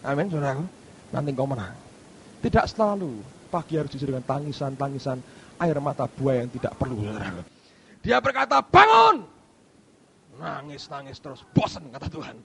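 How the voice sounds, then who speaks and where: A middle-aged male pastor preaching a sermon, emphatic, with sudden loud outbursts and quiet asides. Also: medium pitch, a little fast, slight background noise.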